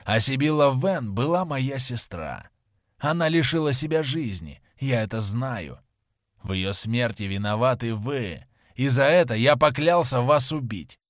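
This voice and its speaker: A grim, vengeful sailor, voiced by a male reader speaks slowly and heavily, each word a threat. His pitch swings widely between low growls and sharp rises. The audiobook sound is dry and close. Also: expressive, dry recording, natural voice. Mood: menacing. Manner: slow, heavy, menacing delivery. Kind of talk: audiobook character reading.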